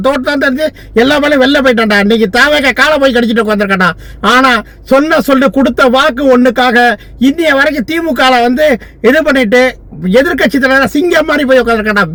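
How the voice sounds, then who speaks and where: A man's voice: very high-pitched, a bit bright. A man from Tamil Nadu, a lawyer, delivering a furious, abusive political rant full of insults.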